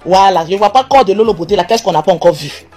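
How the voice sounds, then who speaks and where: A woman's voice: medium pitch, lively intonation, fast, darkish tone. Woman vlogger on a live stream, casual and boastful, faint music under her. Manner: self-assured, boastful.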